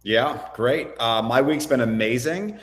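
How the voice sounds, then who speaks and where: A man co-hosting a livestream chat, upbeat and gushing with excitement. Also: medium pitch, unhurried. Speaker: co-host.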